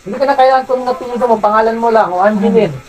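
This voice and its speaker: A faith healer from Zamboanga City, a man who interrogates a spirit with insistent, repeated questions and sharp commands. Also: very high-pitched, rapid-fire, low-quality recording. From Zamboanga City, Philippines. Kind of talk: healing session, interrogating a spirit.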